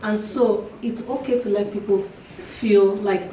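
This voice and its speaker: Woman panel speaker, mellow tone, roomy hall sound. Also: medium pitch, steady tone. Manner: reflective, emphatic, slows to stress points. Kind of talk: panel discussion answer. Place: event hall. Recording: echoey hall, distant mic, faint noise.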